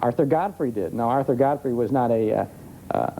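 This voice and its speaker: In a live TV interview before a studio audience, preserved on a noisy vintage broadcast, an American old-time radio expert explains things conversationally. He has a warm, mid-range voice with vocal fry and speaks fairly quickly.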